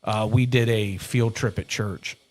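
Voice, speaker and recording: A middle-aged man talking loosely on a podcast, wandering through his points and correcting himself as he goes. He laughs easily and keeps a relaxed, chatty flow. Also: lowish voice, a little slow. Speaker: podcast host. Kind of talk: casual chat.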